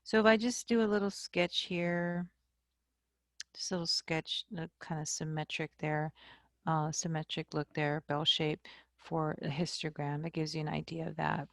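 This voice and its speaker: A woman math instructor giving a recorded lecture, explaining slowly and checking in with "okay?". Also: deep voice, fairly even intonation, a bit bright, no room sound, studio quality.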